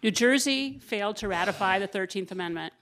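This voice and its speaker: A woman in her sixties moderating an academic panel, posing questions in a thoughtful, measured way into a table mic. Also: mid-range voice, lively intonation, a bit bright, a little hiss or hum. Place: seminar room with a panel table and audience. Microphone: table mic on a stand.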